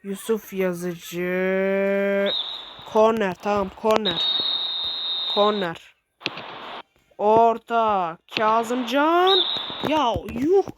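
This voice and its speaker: A woman giving excitable, swearing commentary while playing a football video game, shouting at her players. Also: a little high, extremely slow, long pauses. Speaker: gaming streamer. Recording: loud background noise with clicks.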